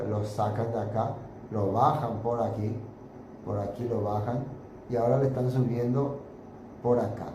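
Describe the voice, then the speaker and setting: Man teaching Bible study in echoey room. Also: lowish voice. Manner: conversational, hesitant fillers, points at pictures while explaining. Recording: roomy echo with steady background noise.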